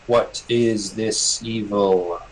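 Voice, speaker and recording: A man voicing a vast ancient being in a tabletop game, with a rumbling, imperious, terse manner. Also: steady tone, extremely slow, a little hiss or hum, rough recording. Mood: solemn, imperious. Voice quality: deep, rumbling.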